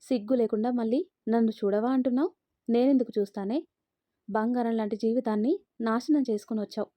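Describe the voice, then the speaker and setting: A woman's voice: fairly high pitch, a little fast, warm tone, no room sound, close to an everyday voice. A woman voicing a stern middle-aged mother who harshly lectures her grown daughter. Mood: scolding.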